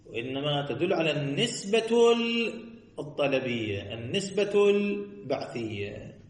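A man teaching a seminary lecture, his voice sitting a little high. He stretches key words into a sing-song lilt and keeps asking rhetorical questions he then answers. The room around him rings with echo. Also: sing-song, measured pace. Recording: echoey room.

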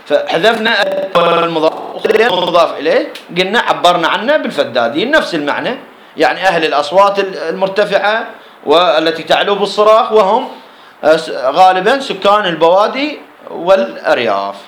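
Brisk Iraqi teacher, higher-pitched male voice, lectures with rhetorical questions, roomy echo. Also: very animated, fairly bright tone. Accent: Iraqi Arabic. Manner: explains line by line, asks and answers his own questions. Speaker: teacher of Islamic jurisprudence. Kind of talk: classroom lecture explaining a text.

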